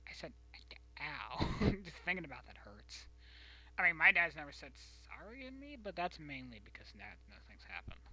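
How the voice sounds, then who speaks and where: Streamer, casual reading and commentary, rambling, whispered asides, bright voice. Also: mid-range voice, very animated, fairly quick, husky, low-quality recording.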